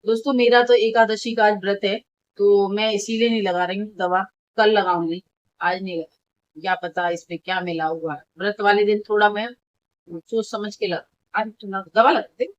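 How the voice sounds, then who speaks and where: A chatty mother vlogs from her home and keeps talking to her viewers as friends. Her voice is mid-pitched and even. The phone audio sounds a little dull and lo-fi. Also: normal speed. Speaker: vlogger, mother. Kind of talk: casual home vlog.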